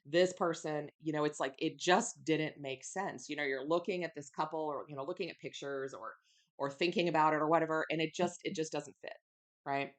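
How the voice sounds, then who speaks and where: A woman's voice: low voice, steady tone, a little fast. A woman giving a casual tarot love reading to her viewers, chatty and reassuring, often checking in with "okay?" and "right?". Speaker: tarot reader.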